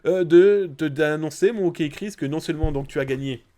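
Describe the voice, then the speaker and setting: A man's voice: a little high, moderate pace, dark tone. A man with a blocked, nasal nose, hosting a live news stream in a casual, chatty way, speaking straight to his viewers. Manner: chatty, informal, directly addressing viewers.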